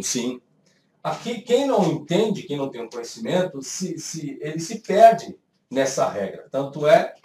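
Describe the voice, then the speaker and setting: A man with a Brazilian Portuguese accent teaching a grammar lesson step by step, voicing his students' questions himself. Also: on the high side. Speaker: Hebrew teacher. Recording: echoey room, voice from a distant mic.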